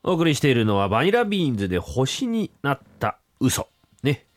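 A man's voice: medium pitch, wildly swooping pitch, a little fast, dry recording, clean studio sound. A man hosting a radio show who performs rakugo stories and teases his co-host playfully. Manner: playful, teasing.

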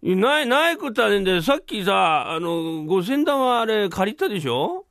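A man doing a broke young drinker who wheedles for a cup of sake, talking rough. The voice rides up high and swings all over the place, with a gravelly edge, close and dry. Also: big pitch swings, normal speed, fairly bright tone, no echo, exaggerated voice. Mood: wheedling. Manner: whiny, wheedling, rough-spoken.

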